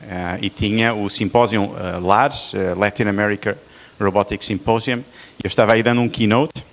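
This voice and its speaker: A man from Portugal with a European Portuguese accent softened toward Brazilian, giving a university lecture with halting restarts and frequent tag questions into a microphone. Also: lowish voice, fairly even intonation. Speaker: visiting professor, lecturer.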